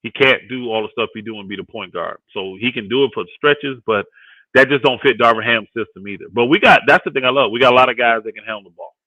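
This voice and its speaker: Here a fifty-year-old man talks sports on a livestream panel as a guest co-host, his mid-range voice fast, bright and forceful. He's casual yet emphatic and tends to repeat phrases to make a point, captured in a dry recording that sounds thin, like a phone.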